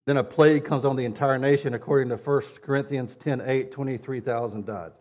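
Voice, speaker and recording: Male pastor, mid-pitched, conversational sermon delivery, slightly muffled sound. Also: fairly even intonation, fairly quick. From United States. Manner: conversational preaching, acting out whiny quotes.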